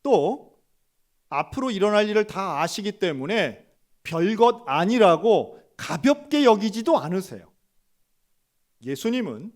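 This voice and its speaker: Animated Korean pastor preaching. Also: male voice, sits high. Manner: animated, acts out dialogue in quoted voices. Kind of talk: sermon.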